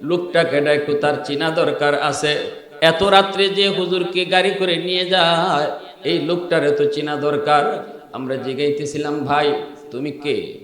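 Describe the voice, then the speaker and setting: A male preacher with a Sylheti-flavoured Bengali accent, his fairly high voice swinging between easy storytelling and ringing, sung-out peaks. The sound booms through a large hall with a long, rolling echo. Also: steady tone, measured pace. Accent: Sylheti-influenced Bengali. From Bangladesh. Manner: storytelling, rising into loud chanting peaks. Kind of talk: sermon. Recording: echoey hall with long reverb.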